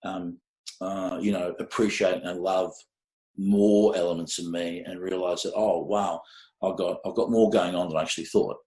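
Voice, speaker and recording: Low-pitched, mellow and steady at a normal pace, this Australian podcast guest in his fifties works as a music mastering engineer. In the casual interview he tells rambling, hesitant stories peppered with fillers and casual cursing, and the recording carries echoey room sound.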